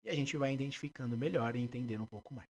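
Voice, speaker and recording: A man with a Brazilian Portuguese accent, a music therapist being interviewed, explaining his work in a lively way and breaking into short sung examples. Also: mid-range voice, very fast, slight background noise. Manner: animated, demonstrates by singing snippets.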